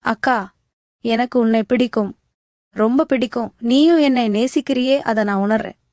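Storybook part: a wheedling, sly younger brother, read in a high voice by a woman narrator. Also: moderate pace, a little mellow, no room sound, clean studio sound, natural voice. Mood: coaxing. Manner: coaxing, wheedling.

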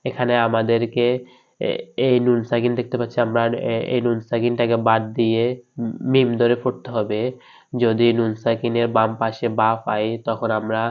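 A man with a Bangladeshi Bengali accent leads a slow spelling lesson, patiently sounding out each letter before joining them. His pitch stays strikingly level and his tone is smooth and clear. The recording sounds a little dull and lo-fi. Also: monotone. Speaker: Quran recitation teacher.

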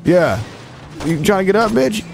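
Brash trash-talking man, lively pitch. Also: moderate pace, vocal fry, faint music behind. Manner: shouts at game characters. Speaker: gameplay commentator. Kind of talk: profane running commentary over gameplay.

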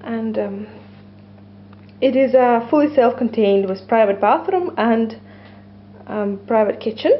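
A thirties-aged woman presents a property, carrying a handheld camera through a small indoor loft studio and narrating the walkthrough with lots of ums and pauses. Her voice sits a little high and she takes her time. The camera's built-in mic gives it a lo-fi sound.

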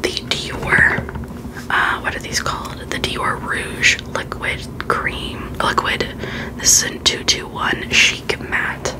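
Casting: woman for whispered ASMR vlog, soft and fully breath-voiced, informal, opinionated chat. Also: slow, poor audio. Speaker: beauty vlogger.

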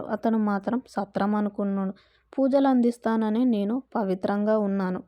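A woman narrating a first-person story in a slow, emotional way. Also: medium pitch, dry recording, muffled recording.

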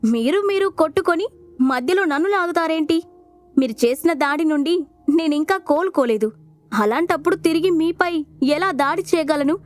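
A woman's voice: extremely high pitch, moderate pace, voice pushed up. A woman voicing a sly young man who teases his rivals, in an audio storybook. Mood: irritated. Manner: teasing, mocking.

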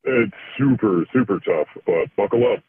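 A male caller speaking hesitantly through a voice changer that shifts his voice deeper. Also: crowd noise. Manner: hesitant, halting. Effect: voice changer, deep pitch shifted. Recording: tinny phone line.

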